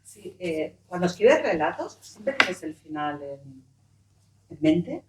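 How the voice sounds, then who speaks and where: A woman in the audience asking a question in a tentative, halting way. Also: on the low side, sing-song, reverberant, background noise.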